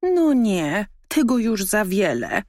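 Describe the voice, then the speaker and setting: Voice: medium pitch, slow, gravelly, no echo, studio quality, pitched above the performer's own voice. A woman voicing a proud, pompous pedigreed male dog in a storybook reading, with a raised, haughty, indignant tone.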